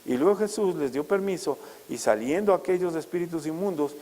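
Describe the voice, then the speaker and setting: A male pastor preaching a sermon, asking rhetorical questions and rising loud and high for emphasis. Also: brisk, big-room sound, low-quality recording.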